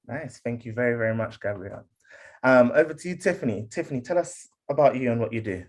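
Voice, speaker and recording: A British man hosts an online panel over a video call, sounding friendly and often using fillers and restarting his sentences. His voice is mid-range and animated, and he talks fast.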